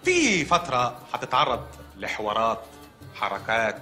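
An actor playing a matter-of-fact hospital doctor in a TV comedy series. He speaks with an Egyptian Arabic accent and delivers absurd news deadpan. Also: mid-range voice, moderate pace, faint music behind.

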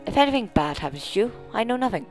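A gamer voicing a cheery villager in a put-on Welsh accent, with a sing-song, halting delivery. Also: mid-range voice, sing-song, faint music behind, voice pushed up, close to an everyday voice. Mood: welcoming. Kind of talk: improvised character voice in a game video.

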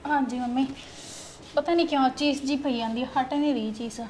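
An actress playing a dutiful young wife with a headache who talks softly and without complaint. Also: female voice, high-pitched, fairly even intonation, brisk, a little hiss or hum, close to an everyday voice. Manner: soft, uncomplaining. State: unwell. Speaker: elder daughter-in-law.

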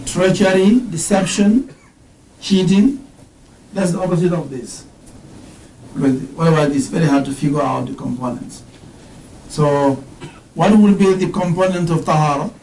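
In a roomy classroom with a whiteboard, a middle-aged male religious teacher with a fairly high, steady, darkish voice questions his students and slowly explains each term, sometimes reciting Arabic verses. He sounds a little distant from the mic, with a faint hum behind him.

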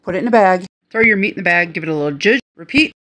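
A woman's voice: fairly low pitch, racing. A middle-aged woman from the American Midwest, a retired professional chef chatting through a home cooking video into a phone held close in her kitchen. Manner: chatty, animated, instructive.

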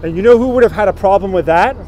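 Speaking very fast in a high voice with a darkish tone, a man in his thirties live-streams his walking tour of a city street. He greets viewers by name while the phone, held at arm's length as he walks, picks up traffic around him.

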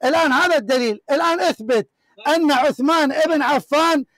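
A man's voice: extremely high pitch, fairly quick, a bit bright, no room sound. A man hosting a heated religious debate, reading from books in an emphatic, repetitive, declaiming way. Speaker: show host debating a caller.

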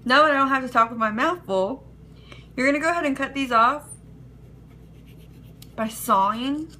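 A woman's voice: on the high side, bright, forceful tone, a little hiss or hum, rough recording. A woman hosting a casual cooking demonstration, walking through each step in an easygoing, chatty way. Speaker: cooking video host.

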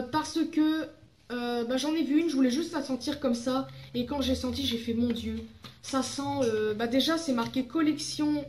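High-voiced young woman vlogging. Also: darkish tone, echoey room, a little hiss or hum. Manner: chatty, rambling, fillers and self-corrections. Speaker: beauty vlogger. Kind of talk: casual haul vlog.

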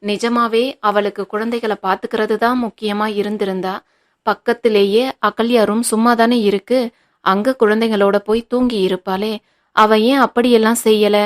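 A woman voicing a stern, sharp-tongued older mother-in-law who scolds in cutting retorts, in an audiobook reading. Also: medium pitch, fairly even intonation, moderate pace, close to an everyday voice. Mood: scolding.

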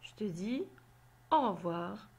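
A woman teaching a phonics lesson to children, sounding out syllables slowly and deliberately. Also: medium pitch, expressive, a little mellow, husky. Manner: slow, deliberate, spelling out syllables.

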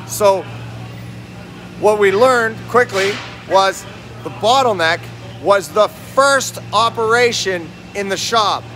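A man's voice: high voice, takes it slowly, sharp tone, slight background noise. A man in his forties walks through a factory on a phone vlog, talking straight to viewers as a lean manufacturing consultant and quizzing them with questions. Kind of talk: walking factory-tour vlog. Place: large indoor factory warehouse. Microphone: phone held at arm's length, selfie framing.

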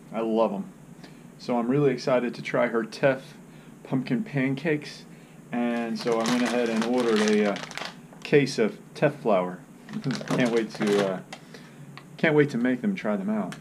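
Man, thirties, casual vlog chat, medium pitch, living room, handheld camera, background noise. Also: a little mellow, low-quality recording. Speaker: running vlogger. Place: indoors in a home living room. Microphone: action camera at arm's length.

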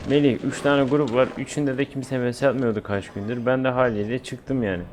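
A Turkish man is live-streaming a game in a medium-pitched voice. He talks informally and uses slang as he chats with viewers. The home recording has clear noise behind him. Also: fairly even intonation, a little fast. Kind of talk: casual live-stream gameplay chat.

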